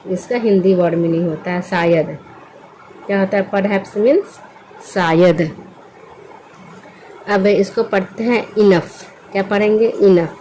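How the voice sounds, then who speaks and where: Slow, mellow-voiced woman teaching spelling. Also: mid-range voice, a little hiss or hum, low-quality recording. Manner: patient, asks and answers her own questions. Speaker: English teacher.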